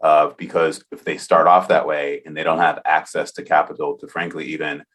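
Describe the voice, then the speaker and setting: Deep-voiced earnest male podcast host. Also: flat delivery, a little fast, fairly bright tone, husky. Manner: earnest, enthusiastic, thinks aloud. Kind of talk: casual interview conversation.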